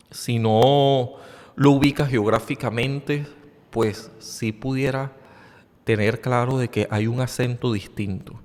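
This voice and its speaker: A man hosting a podcast, giving a loose educational talk with frequent hesitations, fillers and repeated words. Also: medium pitch. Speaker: podcast host. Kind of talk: unscripted educational monologue. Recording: long hall reverb.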